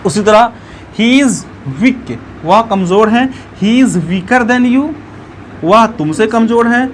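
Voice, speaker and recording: A man teaching an English grammar lesson, explaining step by step and repeating words slowly, syllable by syllable. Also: high voice, slight background noise.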